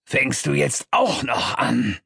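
A man voicing a hot-tempered devil father who runs hell, gruff, impatient and prone to shouting. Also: a little high, huge pitch swings, slow, dry recording, studio quality, pitched above the performer's own voice, exaggerated voice. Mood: brusque.

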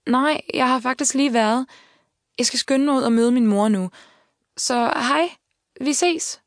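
A shy twelve-year-old girl, as a woman reads her in an audiobook, lifted well above the reader's own voice. She answers in flustered, hurried bits, heard close and dry. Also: high-pitched, dry recording, pitched above the performer's own voice. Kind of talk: audiobook character voice. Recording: dry studio voice.

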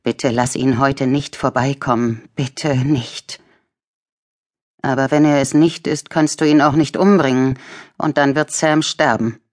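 A woman voicing the hushed, urgent inner voice of a tormented man in a thriller audiobook. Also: rumbling low, fairly even intonation, unhurried. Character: tormented man's guilty inner voice.

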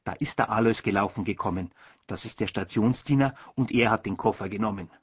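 Husky male audiobook narrator. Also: fairly low pitch, fairly quick, no echo, lo-fi sound. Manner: lively storytelling. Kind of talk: scripted narration.

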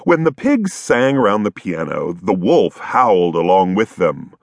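A man narrating a children's storybook, playful and expressive. His low, husky voice rises and falls a lot, and he takes his time. The recording is close and dry. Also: unhurried, no echo. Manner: playful, expressive read-aloud. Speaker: audiobook narrator.

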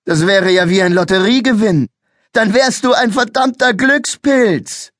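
A man's voice: sits high, a little slow, fairly bright tone, no room sound, studio quality, pitched above the performer's own voice. A male narrator voicing a second policeman who mocks a boy with a grin. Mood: sneering. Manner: sneering, mocking. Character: mocking, grinning male police officer.

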